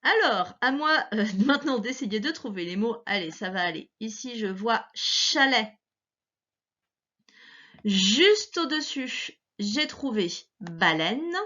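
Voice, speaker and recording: A woman teaching a young child reading sounds, speaking slowly and carefully and stretching out each key word. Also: on the high side, lively intonation, pushed and bright, dull audio. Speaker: primary school teacher. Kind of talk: recorded phonics lesson for a young child.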